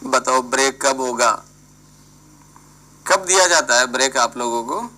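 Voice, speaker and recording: A man's voice: medium pitch, a little slow, sharp tone, poor audio. A man teaching an engineering class online, prodding and scolding students by name and mixing English terms into his talk.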